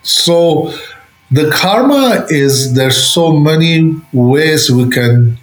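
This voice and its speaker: A man giving spiritual teaching as an interview guest, speaking halting non-native English. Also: fairly high pitch, expressive. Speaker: interview guest, Buddhist lama and author. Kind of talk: explanatory spiritual teaching in conversation. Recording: roomy, echoing space.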